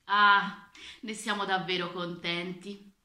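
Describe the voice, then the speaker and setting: A woman's voice: fairly low pitch, flat delivery, slow, bright, forceful tone, reverberant, full character voice. A woman doing sly swindler weavers. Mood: coaxing. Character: two sly male swindler weavers, smooth. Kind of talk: reading a children's storybook aloud.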